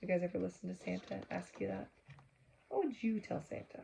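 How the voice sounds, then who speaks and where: A woman with a gravelly, mid-range voice reads a children's book aloud a little fast, with slight background noise. She is animated, acting out exclamations and pausing to chat with her young listeners and ask them questions.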